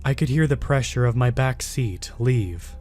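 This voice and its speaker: A man telling a first-person horror story as steady, unhurried scripted narration. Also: medium pitch, faint music behind.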